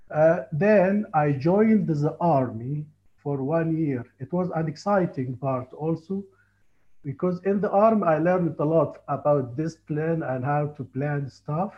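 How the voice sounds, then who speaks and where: An Egyptian tour guide and Egyptologist in his forties tells his life story during a casual interview on a call, speaking with an Egyptian accent. His fairly high voice comes across halting and earnest, and he restarts often. The call audio is muffled and lo-fi.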